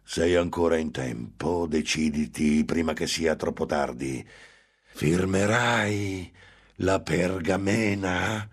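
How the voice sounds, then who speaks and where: A man voicing a scornful, menacing male demon tempter in an audiobook reading, slow and drawn out, swelling into shouts. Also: deep voice, husky, heavily acted. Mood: coaxing.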